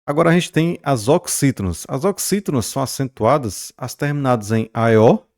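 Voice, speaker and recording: Here a man with a medium-pitched, slightly mellow voice delivers a recorded grammar lesson fairly quickly. He explains things clearly, models words by drawing out their stressed syllables, and often checks in using "beleza?" and "né?".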